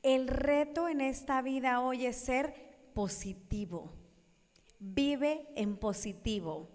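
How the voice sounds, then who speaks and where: A woman giving a lively sermon talk, acting out voices and asking her audience questions. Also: high voice, slow. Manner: animated, acts out quoted voices, questions the audience. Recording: echoey hall.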